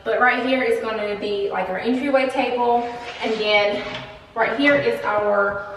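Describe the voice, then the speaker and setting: Upbeat woman vlogger with a fairly high voice, heard from a distance with big hall echo in an empty apartment. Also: unhurried, a bit bright, slight background noise. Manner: chatty, upbeat, many fillers. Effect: big hall echo of an empty room. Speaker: vlog host. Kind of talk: casual home tour. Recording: echoey empty room, voice from off-mic.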